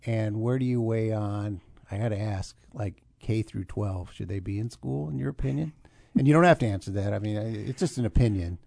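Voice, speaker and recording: A man interviewing a guest, asking questions in a relaxed, casual way. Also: fairly low pitch, brisk, gravelly, hardly any pauses, dry recording, studio quality. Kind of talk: conversational interview.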